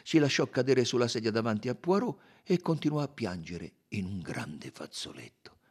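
Male audiobook reader, husky tone, lively expressive delivery. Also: mid-range voice. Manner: measured, dropping to hushed tones. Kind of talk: expressive literary reading.

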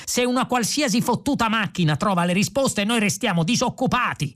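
Imagine an irritable older philosopher put on by a reader, bossy and threatening, his voice lifted above the reader's usual pitch. He blusters, a figure in an audiobook. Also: animated, normal speed, natural voice. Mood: threatening blustering.

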